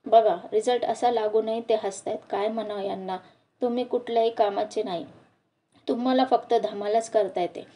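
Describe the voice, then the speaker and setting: Strict scolding female professor, contemptuous, read by a woman, warm low timbre. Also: steady tone, moderate pace, lightly acted. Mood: stern scolding.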